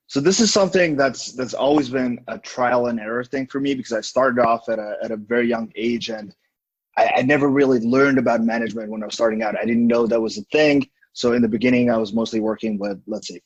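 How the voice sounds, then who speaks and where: A man's voice: mid-range voice, fast talker, slightly rough. A man in his twenties from Estonia, a marketing director, speaking thoughtfully as a podcast guest. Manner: thoughtful, hesitant with fillers and restarts. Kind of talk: casual interview. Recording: dull lo-fi audio.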